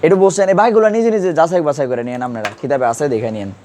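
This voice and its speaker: A man's voice: on the high side, very fast, mellow, a little hiss or hum. Man quizzing a class on grammar. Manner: quizzing students with repeated questions. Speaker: Urdu grammar teacher. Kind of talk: classroom lesson.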